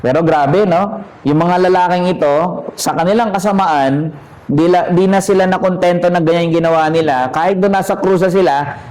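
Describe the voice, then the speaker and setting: A man's voice: high-pitched, moderate pace, darkish tone, poor audio. A man preaching a sermon in a conversational way, asking his listeners questions and mixing English phrases into his talk. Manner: conversational, asks the congregation questions; mixes in English while preaching. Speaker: pastor.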